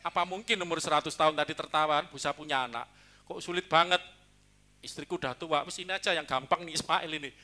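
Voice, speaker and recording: A man preaching a sermon as pastor, talking in a lively, joking way. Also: fairly high pitch, fast talker. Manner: lively, joking, mixes in Javanese.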